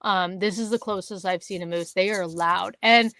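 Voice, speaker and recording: A woman's voice: mid-range voice, moderate pace, no room sound. A woman from Canada, co-hosting a casual podcast, tells a story with lots of energy, swears freely and acts out what others said. Her voice sits in a middle range. The sound is dry and close, with almost no room around it. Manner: animated, swearing, acting out quotes. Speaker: podcast co-host.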